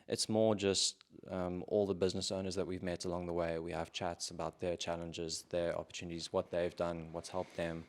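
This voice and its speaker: Low-voiced man, measured interview guest. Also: little pitch movement. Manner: measured, hedging with "sort of" and "kind of". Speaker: podcast guest, entrepreneur. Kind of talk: casual interview chat.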